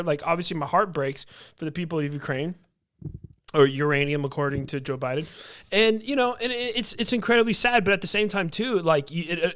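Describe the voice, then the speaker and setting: A man's voice: fairly high pitch, fairly bright tone. A man co-hosting a casual podcast chat, rambling and restarting his sentences. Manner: rambling, many fillers and restarts. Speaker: podcast co-host.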